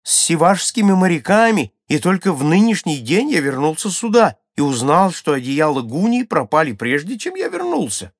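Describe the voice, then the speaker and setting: A man's voice: on the high side, sing-song, normal speed, hardly any pauses, dry recording, studio quality, voice pushed up. A man voicing a frightened village man who stammers as he pleads his innocence in a raised voice. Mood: pleading.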